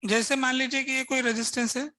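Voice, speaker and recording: A man's voice: very high-pitched, flat delivery, fast talker, pushed and bright, no room sound, low-quality recording. A man teaching a physics lesson, working through examples step by step and asking his students rhetorical questions. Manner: casual, conversational teaching. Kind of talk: lesson at a board.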